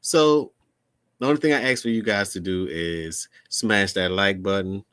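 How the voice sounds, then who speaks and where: A low-voiced man hosting a casual crypto livestream, rambling and chatty with plenty of ums and restarts. He is close on the mic in a dry, dead room. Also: a little slow, fairly bright tone, smooth, no room sound. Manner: loose and chatty, many fillers and repeats. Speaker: crypto channel host.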